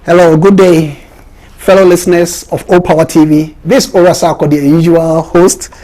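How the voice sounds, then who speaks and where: A man's voice: on the high side, level tone, normal speed, warm tone, poor audio. A man from Ghana hosting an interview, often repeating words and restarting his sentences. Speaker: host.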